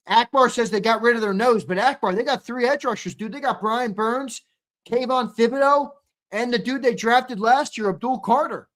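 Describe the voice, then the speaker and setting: A man's voice: very high-pitched, moderate pace, a bit bright. A man hosting a casual live sports reaction stream, talking to viewers like a frat bro and often repeating phrases for emphasis. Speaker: livestream host.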